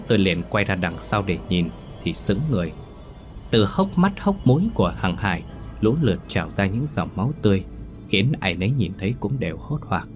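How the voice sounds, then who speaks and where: A man with a fairly low voice narrates a ghost story in the first person. He tells it in a steady, measured storytelling voice.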